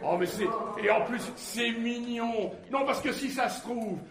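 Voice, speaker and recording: An actor playing an excitable, nosy male friend who stammers and bursts out loudly, in a stage comedy. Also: very high-pitched, unhurried, crowd noise. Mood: frantic gossip. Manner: frantic stammering, loud outbursts. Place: theatre stage. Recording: roomy theatre stage with audience.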